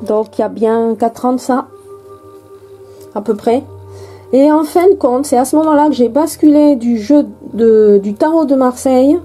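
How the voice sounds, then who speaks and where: Mellow-voiced French woman vlogging. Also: high-pitched, normal speed, soft background music, poor audio. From France. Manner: hesitant, many fillers and restarts. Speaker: tarot and oracle card vlogger. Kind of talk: casual unboxing chat.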